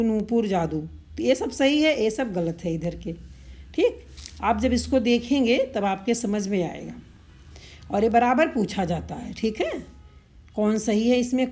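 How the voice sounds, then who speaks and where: A woman's voice: mid-range voice, a little mellow. Hindi teacher woman drilling word lists. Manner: repetitive, drilling word pairs with frequent "ठीक है". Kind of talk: explanatory exam-prep lesson.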